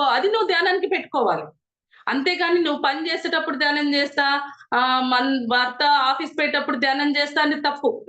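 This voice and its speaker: A woman's voice: high-pitched, pushed and bright. A middle-aged woman telling a moral story in an earnest, preachy, conversational way. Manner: earnest and moralizing, retells a story with quoted dialogue. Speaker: meditation group member sharing experiences. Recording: roomy, dull lo-fi sound.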